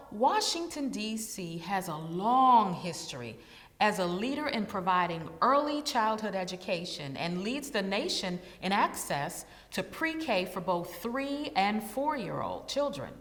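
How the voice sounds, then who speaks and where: A woman interviewer reading formal questions to a candidate in a measured way. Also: medium pitch, fairly bright tone. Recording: hall with long reverb.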